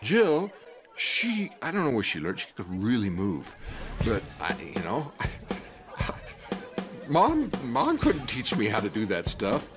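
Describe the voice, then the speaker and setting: An older man tells a personal story in an unhurried, drawn-out way, his pitch swinging widely as he acts out the voices. He laughs along with his own tale, and music plays softly beneath him. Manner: animated, acts out quotes, laughs while telling. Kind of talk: personal story told to an audience.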